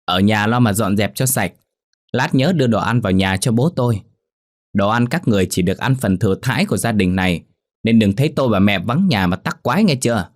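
A man's voice: lowish voice, lively intonation, fairly quick, dry recording, clean studio sound, natural voice. A man voicing an arrogant, spoiled young woman who scolds a servant, in a storybook ghost tale. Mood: scornful. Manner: haughty, scolding.

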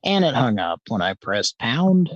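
A man leaving a voicemail in a deadpan, hesitant way, stopping and restarting as he apologizes. His voice is husky and drawn out at a slow pace, and the sound is dry and close, with no room around it. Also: mid-range voice, dry recording, dull audio. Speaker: live stream host making prank calls. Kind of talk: deadpan prank-call comedy.

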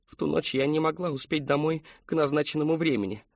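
A man's voice: on the high side, quick pace, dry recording, muffled recording, voice pushed up. A man voicing a frightened teenage girl who pleads and tearfully confesses in a storybook reading. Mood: tearful confession.

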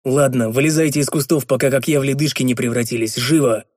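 Brief: man playing gruff storybook leader, barking orders, stern. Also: mid-range voice, steady tone, fast, a little mellow, no echo, clean studio sound, natural voice. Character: gruff male leader, quick-tempered then easing.

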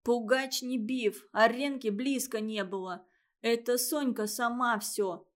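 A shy, honest little storybook girl, as a woman voices her, pleading in a high voice. She speaks slowly and earnestly. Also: steady tone.

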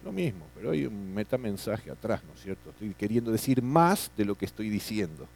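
A man's voice: fairly low pitch, sing-song, a little fast, gravelly, darkish tone, slight background noise. Man lecturing a class, tag questions. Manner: frequent tag questions, repeats words. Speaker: teacher.

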